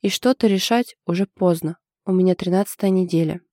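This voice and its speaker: A woman's voice: lowish voice, brisk, warm tone, dry recording, clean studio sound, natural voice. A woman voicing an anxious young woman in love, confiding in a hesitant way. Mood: uneasy.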